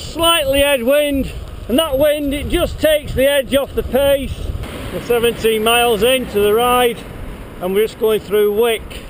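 A man on his bike giving a chatty, upbeat running commentary into a handheld camera on open coastal roads. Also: very high voice. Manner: chatty, upbeat, pointing out places along the way. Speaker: cyclist vlogger. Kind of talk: casual running commentary while riding. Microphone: handheld action camera. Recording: wind noise on an outdoor camera mic.

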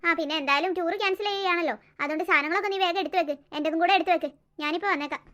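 A woman's voice: very high voice, very fast, fairly bright tone. A woman doing a fussing cartoon mom. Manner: scolding, coaxing. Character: fussy busy cartoon mother. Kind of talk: cartoon voice acting.

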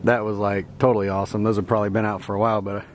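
Racing through a relaxed, rambling tour of his campsite by the river, a young camping vlogger speaks in a lowish voice with little pitch variation and chuckles a lot. Faint outdoor noise sits behind the handheld camera mic recording.

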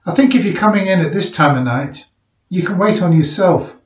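A man voicing a plump, sharp-tongued miner's wife who talks with a sneering twang. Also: high voice, expressive, brisk, echoey room, recorded from a distance, voice pushed up.

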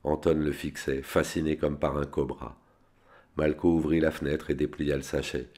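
A man reads a spy novel aloud in a steady, unadorned way. His voice is extremely deep and low throughout. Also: normal speed. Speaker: reader.

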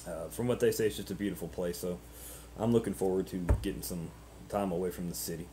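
A man in his thirties chatting casually and unscripted to camera as a vlogger, halting and ruminative, often repeating words, on noisy webcam audio. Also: low-pitched, steady tone. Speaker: pipe-smoking vlogger.

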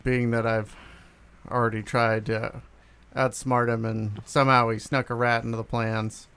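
A man talks casually at a tabletop game, explaining his character's actions. His voice sits in a middle register and has plenty of fry in it. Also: medium pitch, level tone, moderate pace, fairly bright tone.

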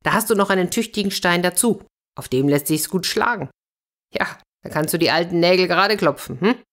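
A cheerful, boastful scissor grinder in a storybook, coaxing and chummy, as a woman reader puts him on. The voice sits a bit above her own low register, with a slow, drawn-out delivery. He talks like a salesman closing a trade. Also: animated, natural voice. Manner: jovial, coaxing. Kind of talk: children's fairy tale reading.

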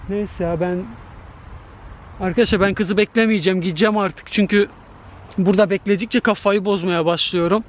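A man's voice: high voice, steady tone, normal speed, slight background noise. Jittery man talking to camera at night. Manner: nervous, talks to viewers directly. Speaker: vlogger. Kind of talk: night-time scare vlog to camera. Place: empty park at night, outdoors. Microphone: handheld camera.

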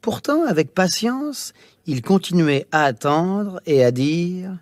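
Expressive man reading a children's tale. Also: sits high, no echo, studio quality. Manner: slow, expressive, theatrical narration. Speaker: storyteller. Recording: music playing behind.

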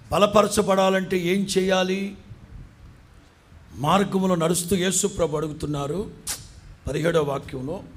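A man's voice: on the high side, breathy edge. An Indian man preaching as a pastor, who acts out the voices of the people in the story. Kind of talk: sermon. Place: church.

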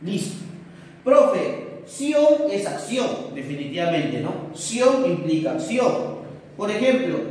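A man's voice: high voice, darkish tone, slight background noise. A young man teaching a lesson at a whiteboard for distance learning, asking questions in a student's voice and answering them himself with tag questions. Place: room with a whiteboard, indoors. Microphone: camera across the room. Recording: very echoey room, voice from far off.

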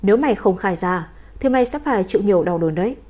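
A cold, commanding crime boss, voiced by a woman reading a story aloud. He speaks in short, calm, firm sentences, never raising his voice. The tone is mellow and soft-edged, at a middle pitch. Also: fast talker, lightly acted.

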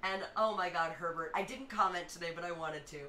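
Low, bright, hoarse woman streamer. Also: a little fast, far from the mic. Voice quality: hoarse, rough-edged. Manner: chatty, reads out viewer comments and reacts. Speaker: livestream music host. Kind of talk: casual livestream chat. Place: small home music room, indoors. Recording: roomy, off-mic, faint background noise.

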